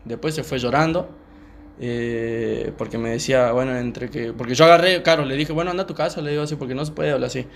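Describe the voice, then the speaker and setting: A young man with a Rioplatense Spanish accent, calmly telling a personal story on a podcast, with many fillers. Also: mid-range voice, gravelly, a little hiss or hum. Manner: calm, unhurried, many fillers. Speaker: podcast co-host. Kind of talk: casual storytelling chat.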